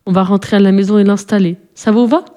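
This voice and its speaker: A woman's voice: mid-range voice, fairly even intonation, fast talker, warm tone, lightly acted. A woman as a hardworking young mother. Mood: tender.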